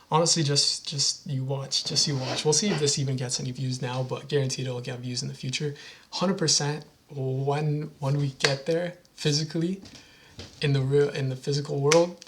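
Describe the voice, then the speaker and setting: A man's voice: medium pitch, slight background noise. Earnest young man rambling to camera. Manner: earnest, rambling, self-motivating with restarts. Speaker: vlogger. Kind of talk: casual talking-head vlog.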